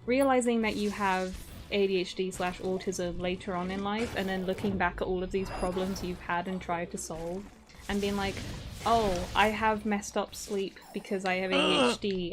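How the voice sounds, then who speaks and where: A softly spoken woman chatting casually as co-host on a game stream, rambling with many fillers. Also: medium pitch, fairly even intonation, moderate pace, over music. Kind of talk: casual live-stream chat.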